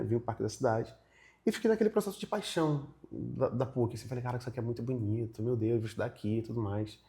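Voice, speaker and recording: A young man, telling a story in a casual interview and acting out the other people in it. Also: medium pitch. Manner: animated, acts out other people's lines in his retelling. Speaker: guest.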